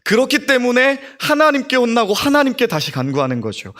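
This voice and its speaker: Animated young male preacher. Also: very high-pitched, fairly quick. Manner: expressive preaching, acts out prayers and quotes. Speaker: junior pastor. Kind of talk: sermon.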